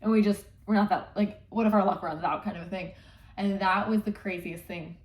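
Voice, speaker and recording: A woman co-hosting a vlog, telling a story in an animated, chatty way with lots of "like". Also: mid-range voice, fairly quick, slight background noise. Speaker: vlog co-host. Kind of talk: casual storytelling. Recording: echoey room, mic at a distance.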